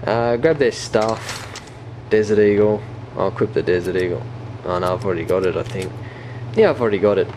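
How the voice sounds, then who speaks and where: A young man hosting a casual let's play, chatty, jokey and excitable. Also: fairly low pitch, fairly quick. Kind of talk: casual gameplay commentary. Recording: noisy home recording. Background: game audio.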